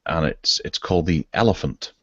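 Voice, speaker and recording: A man hosting a casual tech podcast over an online video call, chatty and relaxed as he leads the segments. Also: deep voice, moderate pace, no echo, dull audio. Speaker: podcast host.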